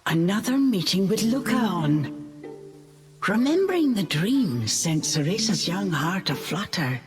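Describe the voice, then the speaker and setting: A woman narrating a storybook game in an expressive, measured way. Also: medium pitch, soft background music.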